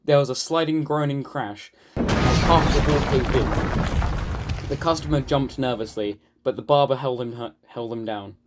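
A man from the United Kingdom narrating a children's storybook in an animated, expressive way. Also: mid-range voice, measured pace, very noisy. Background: background music.

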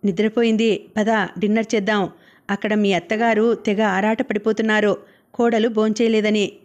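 A woman voicing an affectionate young husband in a storybook reading who speaks gently and teases playfully. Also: medium pitch, fairly even intonation, moderate pace, lightly acted. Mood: gentle.

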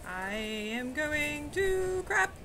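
A woman's voice: high voice, very animated, extremely slow, sharp tone, faint music behind. A young woman giving goofy, sarcastic let's-play commentary with mock-old-fashioned quips. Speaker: gamer.

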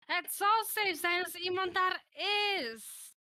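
A woman's voice: very high voice, slow, bright, forceful tone, dry recording. A young woman with a Dutch accent, complaining in frustration while playing an online game. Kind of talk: casual gaming chat.

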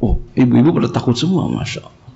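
A man's voice: medium pitch, wildly swooping pitch, quick pace, creaky, dark tone. A middle-aged man preaching to a congregation in a casual, joking way, telling anecdotes and laughing along with his listeners. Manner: chatty, jokes and laughs with the congregation. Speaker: Islamic preacher teaching Quran commentary. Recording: dull lo-fi recording.

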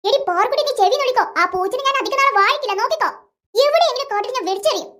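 A woman's voice: very high-pitched, animated, rapid-fire, a bit bright, pitched below the performer's own voice. A woman voicing a selfish, teasing cartoon big brother who grumbles and schemes. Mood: grumbling.

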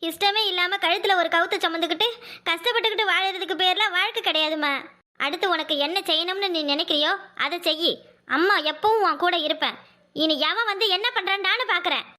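A woman's voice: very high-pitched, fast talker, bright, forceful tone. A woman voicing an older, widowed village mother in a cartoon, protective of her daughter and lamenting, with a Kanyakumari Tamil accent. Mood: consoling. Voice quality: lamenting, pleading.

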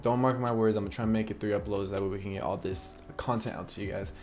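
A man's voice: fairly low pitch, fast talker, soft background music. A young man on a gaming headset chatting casually about his gameplay and hyping up the fights. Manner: excitable, shouts during fights. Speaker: gaming YouTuber. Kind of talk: casual gameplay chat and vlog intro.

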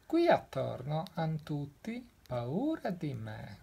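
A woman voicing a small, clever, boastful male mouse from a children's storybook, speaking in a slow, sly way. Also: deep voice, huge pitch swings, gravelly, dark tone, slight background noise, full character voice.

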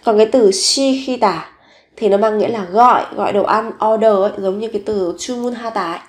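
A woman teaching Korean vocabulary in a recorded lesson, slowly repeating each word several times. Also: medium pitch.

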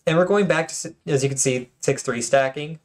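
A man's voice: fairly high pitch, brisk. Chatty man commenting on game replays. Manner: chatty and joking, with frequent fillers and restarts. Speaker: channel host and tournament commentator. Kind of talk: casual replay commentary with tips.

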